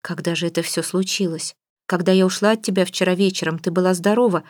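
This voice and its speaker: A woman's voice: fairly low pitch, fairly even intonation, fast, darkish tone, no room sound, clean studio sound, natural voice. A woman reading an audiobook, voicing a stern, fussy middle-aged mother who scolds and gives orders. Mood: exasperated. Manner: scolding, bossy. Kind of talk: audiobook character voice.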